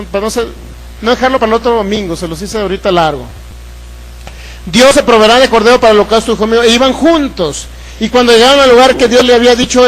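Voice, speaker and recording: Mexican pastor preaching, really high voice, keeps asking the crowd yes or no. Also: male voice, poor audio. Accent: Mexican Spanish. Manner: preaching, questioning the congregation; acts out voices from the Bible story. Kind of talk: sermon.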